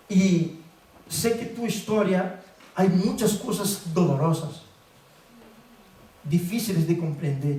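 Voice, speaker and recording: A man preaching a sermon to a congregation, emphatic and repetitive, slowing down on key phrases and switching between Portuguese and Spanish. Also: sits high, a little mellow. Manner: emphatic, repeats words for stress, slows down on key phrases. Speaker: guest preacher. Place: church sanctuary. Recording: echoey church room, mic at a distance. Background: congregation calling out amens.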